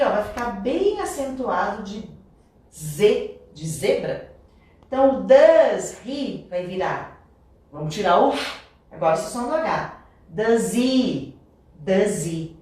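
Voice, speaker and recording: A woman teaching an English lesson live, explaining step by step and repeating example phrases. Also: mid-range voice. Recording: echoey room, mic at a distance.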